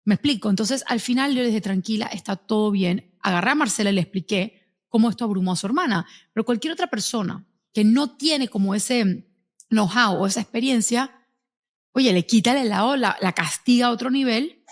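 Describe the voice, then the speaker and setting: A woman hosting a casual interview, telling stories in an animated way. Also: a little high, fairly quick. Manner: animated storyteller. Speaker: host.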